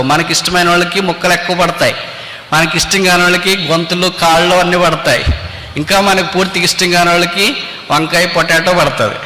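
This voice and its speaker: A man's voice: sits high, sharp tone. A man preaching a sermon, exhorting with rhetorical questions and quoting scripture, with English phrases mixed in. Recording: echoey hall.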